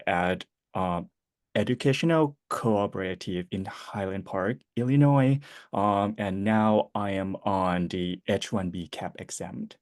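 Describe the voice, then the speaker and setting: A man from Thailand speaks briefly and hesitantly on a panel, with many ums. His voice is low, and the sound is dry and close. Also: darkish tone, dry recording. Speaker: panelist, behavior analyst. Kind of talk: panel introduction and advice.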